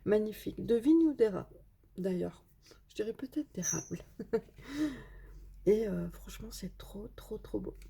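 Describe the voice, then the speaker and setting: Breathy French-speaking woman chatting casually. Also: medium pitch, expressive, a little slow, long pauses, dark tone. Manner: hesitant, many fillers, enthusiastic praise. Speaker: craft vlogger. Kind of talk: casual unboxing chat.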